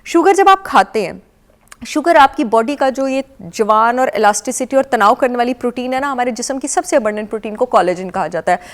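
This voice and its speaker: A woman's voice: on the high side, animated, brisk. A woman with a Pakistani accent, a nutrition expert guest on a TV morning show, lecturing with emphatic repetition and English phrases mixed in. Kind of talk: explanatory talk-show chat. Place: television studio.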